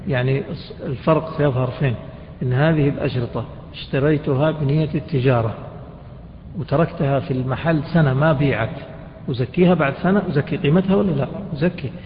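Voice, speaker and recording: A man's voice: fairly high pitch, slight background noise. A man teaching a jurisprudence class, often quizzing his students with questions and colloquial asides. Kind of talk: classroom lecture explaining a text. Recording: dull reverberant lecture hall recording.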